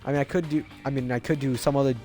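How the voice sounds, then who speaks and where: A man's voice: medium pitch, fairly even intonation, rapid-fire, dark tone, soft background music. A man playing a video game and commenting casually, with rambling, self-interrupting asides. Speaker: video game let's player. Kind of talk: casual game commentary with character read-alouds.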